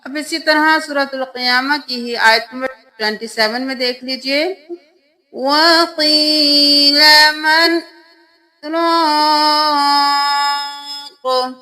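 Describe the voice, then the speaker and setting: A woman teaching tajweed, spelling out letters syllable by syllable and reciting verses in a slow, drawn-out, melodic way, with patient explanations. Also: sits high, steady tone, pushed and bright. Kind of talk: tajweed lesson.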